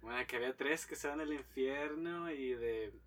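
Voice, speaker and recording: A man hosting a casual chat, reacting to a joke with quick chuckling remarks. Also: medium pitch, fairly bright tone. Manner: eager listener, short chuckling reactions. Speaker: podcast host.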